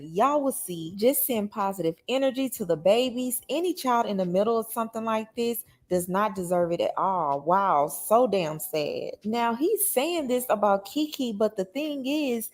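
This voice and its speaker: A woman's voice: on the high side, expressive, unhurried, a little mellow. A woman presenting a casual gossip news recap, explaining things conversationally to her viewers.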